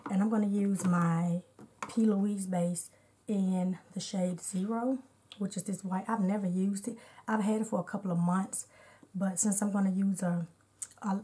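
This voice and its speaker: A beauty vlogger with a medium-pitched, dark, slightly hoarse and congested voice chats casually, narrating each step of her unedited makeup tutorial.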